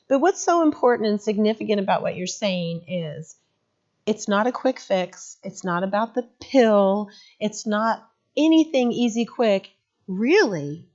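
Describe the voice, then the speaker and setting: A woman giving a mental health training, telling stories and acting out what people said. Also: medium pitch. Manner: animated storyteller who acts out quotes. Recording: muffled lo-fi recording.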